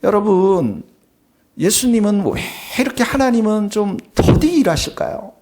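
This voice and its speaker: Delivering his sermon at a measured pace, this pastor has a high-sitting, animated voice with a darkish tone. He speaks with emphasis, frequently faces the congregation, and shares plain personal stories in an ordinary conversational manner.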